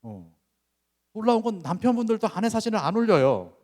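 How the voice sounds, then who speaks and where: A male pastor preaching in an informal, conversational way, his pitch rising and falling a lot. He keeps asking the congregation rhetorical questions. His voice carries a long reverb from the church sanctuary. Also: very animated, fairly quick, a little mellow. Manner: acts out parent-child dialogue examples. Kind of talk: sermon.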